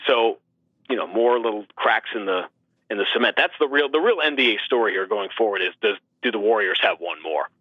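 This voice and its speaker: A male sports announcer appears as a lively, forceful guest discussing basketball, piling on rhetorical questions. His voice sits on the low side and moves briskly, coming through a muffled, radio-style line in a dry recording.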